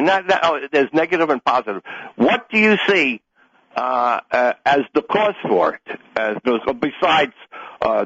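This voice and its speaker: Husky male caller on a phone line. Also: medium pitch, a bit bright, dry recording. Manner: emphatic, repeats points, restarts sentences. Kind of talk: call-in radio talk. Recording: dull dry phone line.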